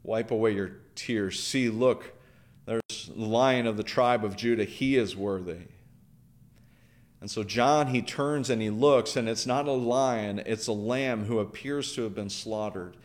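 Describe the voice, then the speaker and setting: A man's voice: on the low side, unhurried. Earnest man preaching a sermon. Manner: earnest preaching with repeated phrases and restarts. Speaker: pastor.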